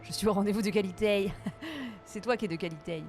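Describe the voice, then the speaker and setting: A woman chatting casually with her live-stream audience while gaming, playful and quick to laugh, her voice a little tired. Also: mid-range voice, a little mellow, faint music behind.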